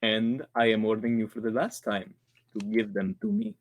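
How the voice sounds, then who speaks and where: In this 1940s-style radio thriller, a man plays a doctor who speaks formally and deliberately, threatening in a courteous way, though the villain is secretly a radio actor in a panic. He speaks in a lowish, level voice close to his everyday one.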